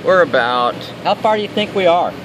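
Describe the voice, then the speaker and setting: A man's voice: on the high side, lively intonation, fairly quick. Sardonic man filming on a noisy street. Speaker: citizen filming police. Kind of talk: running commentary while filming. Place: outdoors at night on a city street. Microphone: handheld camera microphone. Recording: noisy outdoor street with traffic.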